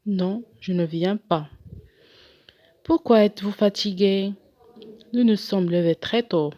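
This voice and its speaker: A woman's voice: mid-range voice, darkish tone. A woman teaching a grammar lesson, reading each exercise aloud and explaining it patiently, one step at a time. The recording sounds slightly muffled and lo-fi, with a dry, close sound and no room echo.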